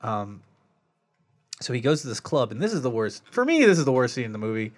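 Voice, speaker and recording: A man's voice: medium pitch, big pitch swings, fairly quick. A man casually recapping a film plot on a podcast, rambling with filler words. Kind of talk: casual movie discussion.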